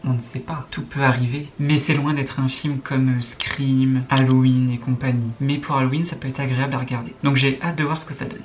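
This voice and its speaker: A man's voice: mid-range voice, background noise. A young man hosting his channel in casual chat, rambling and self-mocking as he sets up a trailer reaction.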